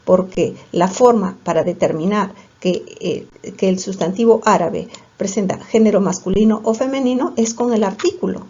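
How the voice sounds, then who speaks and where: A woman's voice: mid-range voice, moderate pace, few pauses, mellow, breathy edge. A woman teaching a grammar lesson, asking questions and answering them herself. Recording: slightly dull lo-fi audio.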